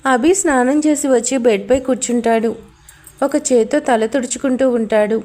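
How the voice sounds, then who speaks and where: A woman narrating a romantic story in scripted form, steady and plain. Her voice sits high. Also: moderate pace.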